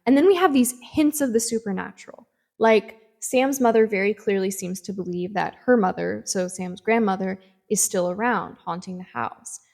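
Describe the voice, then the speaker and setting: Animated woman reviewing a spooky book. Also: medium pitch, normal speed, gravelly. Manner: animated storytelling, tempo swings, frequent "like". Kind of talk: casual book review vlog.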